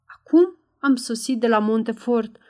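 A woman's voice: fairly high pitch, warm tone, natural voice. A woman voicing a wary, earnest old male servant in an audiobook. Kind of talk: audiobook character voice.

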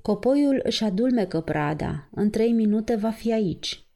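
Woman doing a gloomy soft-hearted innkeeper. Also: medium pitch, expressive, creaky. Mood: sullen. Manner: sad, sullen, sighing. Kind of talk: audiobook reading.

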